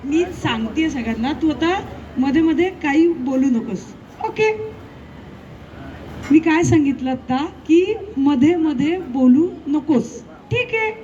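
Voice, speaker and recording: A woman's voice: high-pitched, unhurried, warm tone. A woman ventriloquist performing live stage comedy, questioning and scolding her puppet like a teacher. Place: live event with audience. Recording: lo-fi live recording, noisy crowd.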